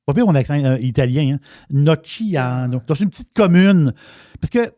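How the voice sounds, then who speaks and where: A man's voice: fairly high pitch, lively intonation, a little fast, warm tone, no echo, clean studio sound. A middle-aged man with a Québécois accent, chatting casually as a radio wine columnist, repeating words and using slangy phrasing. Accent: Québécois French.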